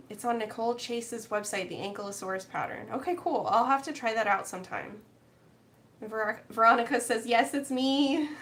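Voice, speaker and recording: A woman with a fairly high, slightly bright voice chats casually with live viewers while she crochets, rambling and reading their comments aloud during a crochet-along. There's slight background noise.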